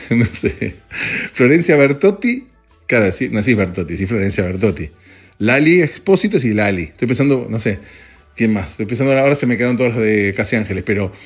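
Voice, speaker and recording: A young man with an Argentine accent, chatting casually and rambling for his podcast while standing in an office. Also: medium pitch. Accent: Argentine Spanish. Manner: rambling, joking, swears casually, jumps between topics. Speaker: podcast host. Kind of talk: casual voice-note chat.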